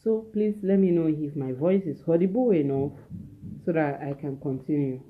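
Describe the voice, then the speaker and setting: A soft-spoken Nigerian woman teaches from home, blending her lesson with preaching and repeating key phrases for emphasis. Her voice is low-pitched and her pace moderate. The audio is narrow and sounds like it came through a phone.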